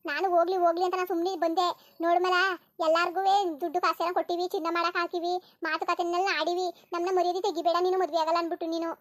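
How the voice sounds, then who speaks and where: A rapid, very high voice of a protective village mother, as a woman puts her on in a cartoon. She moves between sharp scolding and tender coaxing in rustic village speech. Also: little pitch movement. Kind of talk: cartoon voice acting.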